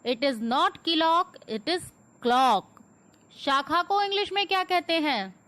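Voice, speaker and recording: A young woman playing an English teacher in a comic classroom sketch, slowly drilling words and switching between Hindi and English. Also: very high-pitched, animated, bright, forceful tone.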